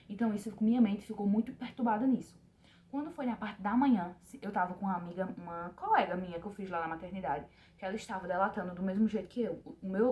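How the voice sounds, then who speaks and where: A woman's voice: medium pitch, warm tone. A young woman tells a personal story to her viewers. She talks with emotion, speaks to her audience directly and repeats words for emphasis. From Pernambuco, Brazil. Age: young adult. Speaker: vlogger.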